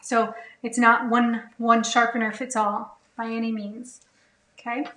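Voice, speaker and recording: Bright-voiced woman hosting a cooking Q&A. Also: on the high side, level tone, a little slow, reverberant, low-quality recording. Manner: chatty, reads viewer comments aloud, many fillers. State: a little out of breath. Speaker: cooking class host. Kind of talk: live Q&A while cooking. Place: home kitchen.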